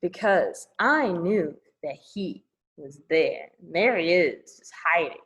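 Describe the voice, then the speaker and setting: This storytime host has a fairly low, animated voice that moves slowly and sounds a bit bright. She's a children's librarian reading to kids with a playful air, pausing for chatty, exclamatory remarks.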